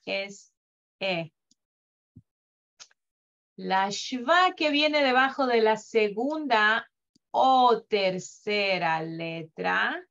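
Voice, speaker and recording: A woman teaching Hebrew reading in a live class, slowly drawing out sounds to demonstrate them with patience. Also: mid-range voice, fairly bright tone. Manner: patient, drawn-out demonstrative pronunciation. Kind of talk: slow online reading lesson. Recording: dull lo-fi audio.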